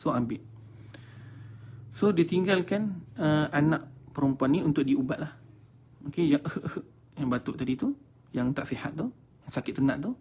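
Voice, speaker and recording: A man's voice: fairly high pitch, lively intonation, normal speed, pauses often, darkish tone, a little hiss or hum. A man with a Malaysian Malay accent telling a religious story as a Quran teacher, chatty and mixing in English words. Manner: chatty, addresses audience as tuan-tuan dan puan.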